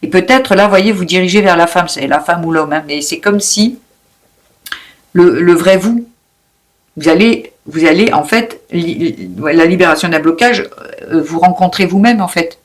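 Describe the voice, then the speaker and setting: A woman giving an unscripted spiritual oracle card reading. She talks fast, with many restarts and repeated words, in a calm, coaching tone. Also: fairly low pitch. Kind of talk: spontaneous spiritual guidance reading.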